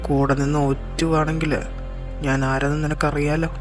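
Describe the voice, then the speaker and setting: A man performs a cool, threatening male boss in a fan audio drama. His voice sits a little high, and his delivery is firm and clipped. Faint music plays beneath the lines. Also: flat delivery, moderate pace, natural voice. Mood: cool menacing.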